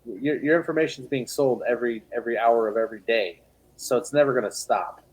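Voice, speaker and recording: A man chatting casually on a podcast as a business owner, relaxed, acting out sales calls in quick asides. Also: mid-range voice, breathy edge, low-quality recording.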